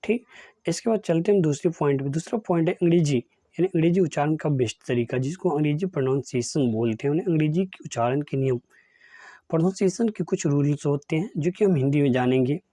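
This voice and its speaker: Man, teacher, pronunciation lesson, mellow low-toned voice, dry close sound. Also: quick pace, dry recording. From India. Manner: reads out rules, then lists example words one by one. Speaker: English teacher.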